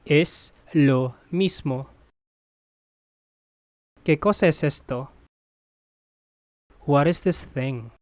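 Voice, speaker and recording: A Spanish teacher reads a bilingual phrase drill, saying each phrase, translating it, then deliberately repeating it. The voice is medium-pitched, and the recording is dry and of studio quality.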